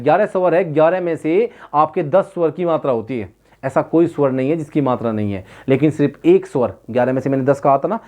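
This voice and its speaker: A man teaching Hindi grammar in an exam-prep lecture. He keeps asking rhetorical questions and answering them himself, and he repeats key words slowly. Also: a little high, a little mellow.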